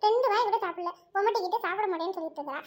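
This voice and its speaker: A woman acting out a middle-aged mother who keeps scolding her grown daughters, calling them "ஏடி". Her voice is very high and her speech fast and clipped. It is a homemade family drama. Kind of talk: home family drama, one narrator voicing all roles.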